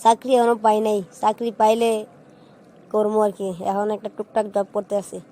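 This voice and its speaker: A woman's voice: medium pitch, monotone, normal speed, mellow, lightly acted. A woman voicing a naive young man from a village in a cartoon, talking plainly and matter-of-factly. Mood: earnest.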